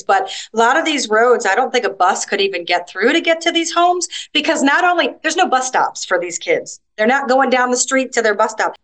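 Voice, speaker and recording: A middle-aged woman, a guest author, telling lively stories in a casual interview and acting out the voices of people she quotes. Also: on the high side, poor audio. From United States. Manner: animated storytelling, acts out quoted voices.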